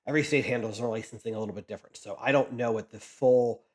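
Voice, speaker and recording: Sorting trading cards for his channel, a man from Pennsylvania, US, talks casually and rambles, restarting frequently. This card collecting vlogger has a medium-pitched voice and talks fast.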